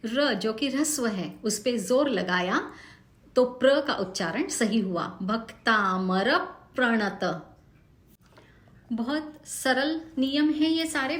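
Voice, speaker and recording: In a recorded online lesson, a woman patiently teaches how to pronounce a devotional hymn, going slowly and drawing out every example word. Her voice is a little high and a bit bright, with reverberation around it.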